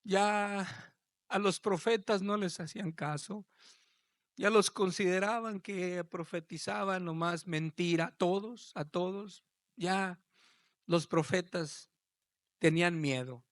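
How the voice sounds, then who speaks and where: A man preaching a sermon as pastor, swelling from low talk to loud, shouted passages. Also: slow, no echo, clean studio sound.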